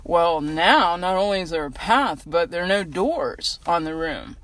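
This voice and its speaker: A woman's voice: lowish voice, animated, measured pace, a bit bright, dry recording. American woman, chatty and earnest. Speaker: vlogger giving a weekly inspirational message. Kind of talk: casual inspirational reflection to camera. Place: outdoors in a gym parking lot in freezing cold.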